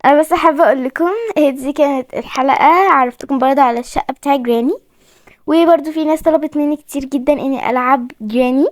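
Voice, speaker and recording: A young woman plays a horror game for her gaming video, chatting with viewers in an Egyptian Arabic accent and repeatedly admitting how frightened she is. Her voice is high-pitched and fast. There is no room sound.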